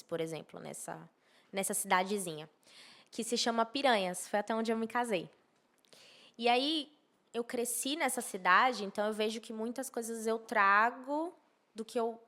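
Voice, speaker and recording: As a guest on a podcast, an architecture and social media professional from Maceió, northeastern Brazil, explains things in a conversational but emphatic way, often repeating key phrases. Her voice is medium in pitch with a fairly bright tone.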